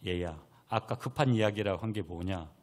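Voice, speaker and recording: A man's voice: low-pitched, normal speed, pitched below the performer's own voice, lightly acted. A man voicing a stern old grandmother who scolds a child at the dinner table during a sermon story. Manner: scolding, admonishing.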